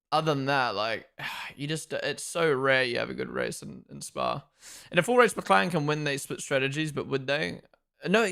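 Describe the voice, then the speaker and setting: A young man from Australia and New Zealand gives casual live commentary on a stream. His voice is bright and forceful with a gravelly edge, and it sits a little high. He is chatty and opinionated and often speaks straight to his viewers. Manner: chatty, opinionated, talks to chat. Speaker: streamer hosting a race watchalong.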